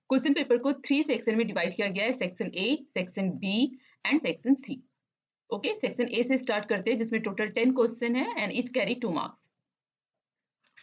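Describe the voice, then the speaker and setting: Lady teaching an exam lesson, bit high voice, reads the bits slow, dull lo-fi sound. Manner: mixes Hindi and English, reads English answers slowly and deliberately. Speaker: online lecturer. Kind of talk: exam-focused lecture.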